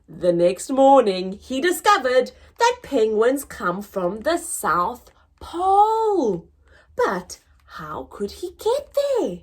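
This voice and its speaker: Slow, high-pitched, animated woman reading to children. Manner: expressive, deliberate storytelling with drawn-out words. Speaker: children's story time host reading aloud. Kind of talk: children's picture book read-aloud.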